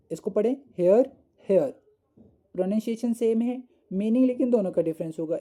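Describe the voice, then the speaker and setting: A man teaching a school English lesson, explaining patiently and reading English definitions slowly word by word. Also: high voice, warm tone.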